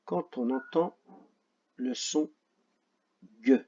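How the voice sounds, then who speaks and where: Slow, patient French teacher, dull recording. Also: male voice, medium pitch, warm tone, husky. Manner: slow and patient, repeats words syllable by syllable; jokes about his own forgetfulness. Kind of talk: recorded phonics lesson for children.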